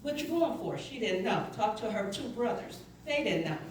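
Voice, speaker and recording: A middle-aged woman with a mid-range, slightly mellow voice tells her testimony at a moderate pace, very animated throughout. She quotes others and acts out their dialogue as she narrates to the church. Picked up from far off in the echoey sanctuary, the recording has slight background noise.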